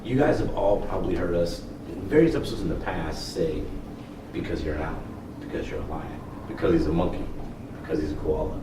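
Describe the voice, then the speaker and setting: A man's voice: sits low, fairly quick. A man co-hosting a podcast in casual, informal talk with some swearing and joking. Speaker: podcast co-host. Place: library room. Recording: roomy, distant mic with clear noise.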